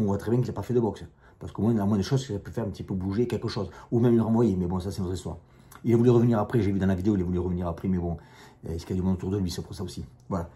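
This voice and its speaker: Man, strong accent, fast blunt talker, dark voice, casual monologue to camera. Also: on the low side. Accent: strong non-native accent in French. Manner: blunt, combative, repeats himself. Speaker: YouTuber, self-defence instructor.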